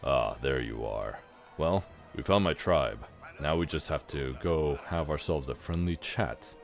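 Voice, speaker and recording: A man voicing a gruff, sardonic male half-orc warrior in a fantasy game, with a deep, gravelly, drawling voice. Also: unhurried, soft background music, heavily acted.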